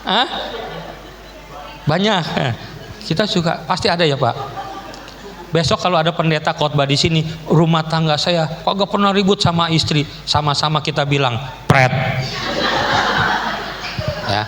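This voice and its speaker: A man's voice: on the high side, normal speed, pauses often, background noise. A middle-aged man preaching a casual, joking sermon as a guest pastor, full of slang. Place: church hall. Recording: church PA with long reverb.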